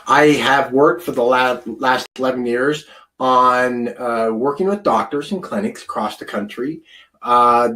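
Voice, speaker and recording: A man's voice: mid-range voice, a bit bright. Chatty man in his fifties. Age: 50s. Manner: chatty and rambling, with many fillers and restarts. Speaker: food scientist presenting a wellness program. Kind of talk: informal spoken presentation. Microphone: close to a camera mic.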